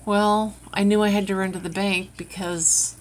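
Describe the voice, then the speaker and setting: A vlogger tells a personal story to her own camera, which she adjusts herself, in a frank, rambling, venting way. Her voice sits at medium pitch, with a level tone and normal speed.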